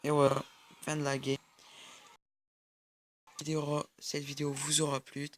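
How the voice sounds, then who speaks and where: A man's voice: fairly high pitch, monotone, measured pace. A young man giving casual mobile-game commentary over a recording of his screen, hesitant and full of fillers. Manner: hesitant, many fillers and restarts. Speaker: gaming YouTuber.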